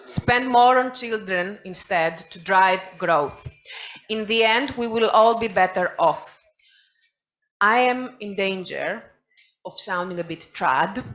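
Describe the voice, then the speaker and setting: A young woman giving a prepared speech as a conference panelist over a video call, brisk with wry asides. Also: mid-range voice, a bit bright, rough recording. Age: young adult.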